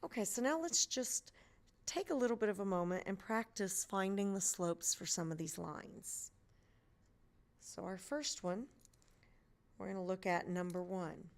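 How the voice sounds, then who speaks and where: A woman's voice: mid-range voice, measured pace. Woman teacher patiently explaining algebra steps. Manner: patient, step-by-step explaining with playful mnemonics. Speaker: math teacher. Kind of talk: screencast lesson narration.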